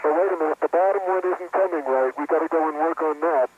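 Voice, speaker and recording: A man's voice: a little high, fast. A man, an astronaut at work on a spacewalk, talking through tasks over astronaut radio. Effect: space-to-ground radio. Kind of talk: astronaut radio, working task talk. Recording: tinny noisy spacesuit radio link.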